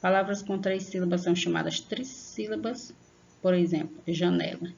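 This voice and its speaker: A woman teaching young children in an online lesson, patient and slow, stretching out example words and checking in often. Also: lowish voice, fairly even intonation, gravelly, darkish tone, muffled recording, slight background noise. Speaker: primary school teacher.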